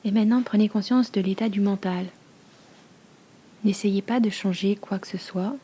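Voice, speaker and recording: A soft, breathy woman's voice at medium pitch leads a yoga nidra meditation. She keeps a steady tone, speaking slowly and soothingly in a hush with long pauses.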